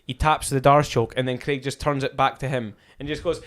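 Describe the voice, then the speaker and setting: Male podcast co-host, rapid and animated, sweary casual storyteller. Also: mid-range voice. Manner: fast, animated storytelling with heavy swearing and slang. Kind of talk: casual chat.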